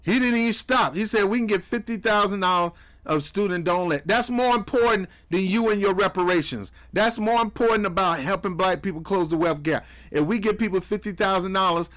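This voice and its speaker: Male commentary host, slightly high voice, preachy and mocking. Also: a little fast, fairly bright tone. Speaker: commentary host reacting to clips. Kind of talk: heated political commentary.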